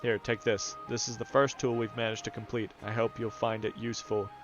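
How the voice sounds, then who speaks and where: A man's voice: fairly low pitch, little pitch movement, a little fast, dull audio, close to an everyday voice. A man voicing a polite male botanical researcher, reading the game text aloud in a courteous manner. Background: game music.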